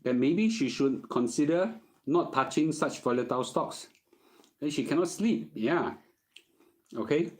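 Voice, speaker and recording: A little slow yet lively in intonation, his fairly high, slightly mellow voice carries a Singaporean accent. The middle-aged host casually answers personal finance questions in colloquial Singlish, often checking in with "okay?".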